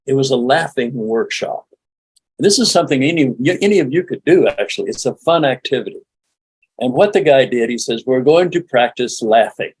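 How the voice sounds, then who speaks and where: Older man, husky voice, folksy meditation teacher, dry close sound. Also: mid-range voice, expressive, a little fast, dry recording, low-quality recording. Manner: chuckling, folksy, demonstrates laughing exercises. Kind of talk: relaxed spoken teaching.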